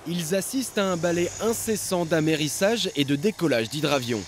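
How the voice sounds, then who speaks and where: A man narrating a television documentary report in a measured, scripted voice-over. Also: a little high, animated, noisy background. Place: studio voice-over. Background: music.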